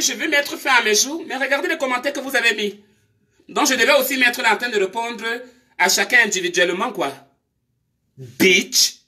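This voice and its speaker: A woman's voice: high voice, pushed and bright. A woman, scolding her commenters during a live stream with confrontational rhetorical questions.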